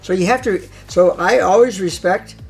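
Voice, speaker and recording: A man's voice: high-pitched, moderate pace, creaky, soft background music. A man explaining his craft as a hypnosis trainer in an interview, emphatic and repeating phrases for stress.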